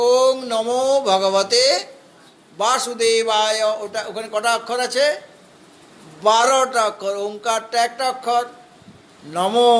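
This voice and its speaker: A man with a Bengali accent giving a scripture discourse, explaining step by step, chanting Sanskrit verses slowly and asking rhetorical questions. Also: very high-pitched, fairly bright tone, a little hiss or hum. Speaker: spiritual teacher. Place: hall of a spiritual society.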